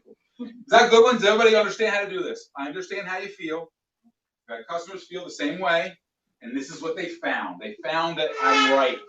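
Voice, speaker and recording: Animated male sales trainer, echoey room. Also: on the high side. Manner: animated, plays out customer dialogues. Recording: echoey room, distant mic, dull sound.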